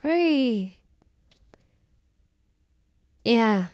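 A content creator's young-sounding voice passes through a voice changer as they chat in a rambling, casual vlog. It's mid-range, darkish, and smooth, animated with drawn-out words. The recording is dry and muffled.

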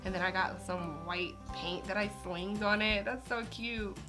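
A young woman hosting an art vlog, chatting casually and gushing excitedly with lots of exclamations. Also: medium pitch, normal speed, music in the background. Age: young adult. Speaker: art channel host.

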